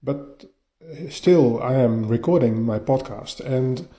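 A man hosting his own podcast, recorded on a phone voice-note app in a slightly echoey bedroom, talking in a halting way that often repeats words as he restarts. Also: medium pitch, dark tone, dull audio. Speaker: podcast host. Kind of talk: casual solo podcast monologue. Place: partly furnished bedroom, a bit echoey.

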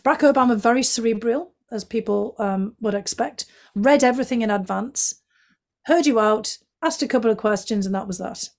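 A woman's voice: fairly high pitch, moderate pace. Middle-aged Northeast English woman, candid. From County Durham, England. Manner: fluent and candid, with frequent fillers and restarts. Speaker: guest, former intelligence analyst. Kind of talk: conversational interview answers.

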